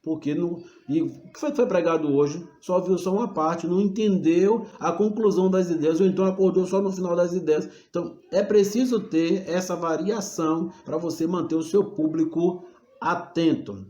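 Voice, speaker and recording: Guy teaching a preaching class, kinda preachy, calls everyone brothers, pretty high mellow voice. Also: normal speed, roomy sound, highs cut off. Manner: preacherly, addresses listeners as brothers, varies tone and pace. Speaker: homiletics teacher. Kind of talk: recorded class lecture.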